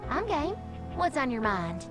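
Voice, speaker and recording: A woman's voice: high-pitched, big pitch swings, measured pace, over music. An actress voicing a sweet, sassy female dust bunny in a video game, with a Southern American drawl and a habit of calling people honey. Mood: folksy.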